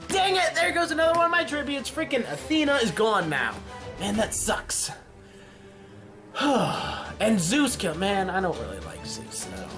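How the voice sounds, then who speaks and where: Jokey guy narrating a game sim, voice jumps all over, quiet music in back. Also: sits high. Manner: excitable, jokey, yells at events and laughs. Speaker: YouTube gaming commentator. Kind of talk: casual commentary on a game simulation.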